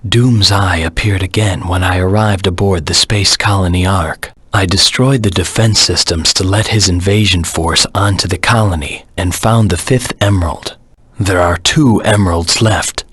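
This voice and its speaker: Low, husky, brooding Shadow the Hedgehog. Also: male voice, normal speed, a bit bright, dry recording. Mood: grim, recounting. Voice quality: low, husky, gravelly rasp. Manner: grim, terse, dramatic delivery. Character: brooding, vengeful dark anti-hero hedgehog. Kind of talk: video game voice acting.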